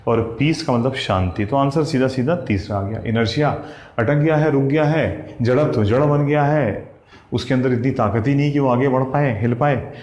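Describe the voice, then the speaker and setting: A man's voice: mid-range voice, moderate pace, darkish tone. Echoey male teacher drilling vocabulary. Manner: explains word by word, spells letters, keeps checking with "ठीक?"; addresses students as "साथियों" and "भैया". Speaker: English teacher. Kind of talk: exam vocabulary lesson. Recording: echoey room with faint ambience.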